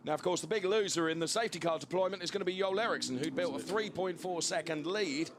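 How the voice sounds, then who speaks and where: A man giving live motorsport commentary as a co-commentator, offering measured, slightly hesitant analysis. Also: a little high. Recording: loud engine and outdoor track noise. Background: racing cars and trackside ambience.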